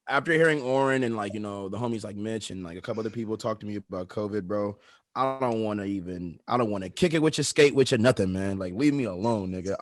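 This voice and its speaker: A man's voice: mid-range voice, fairly bright tone, dry recording, clean studio sound. A man co-hosting a casual podcast chat, talking in blunt slang. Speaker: podcast co-host.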